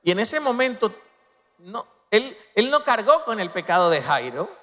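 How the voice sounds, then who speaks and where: A man preaching a sermon as pastor, swinging between loud emphatic peaks and soft, low passages. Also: sing-song, normal speed. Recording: long reverb of a large hall.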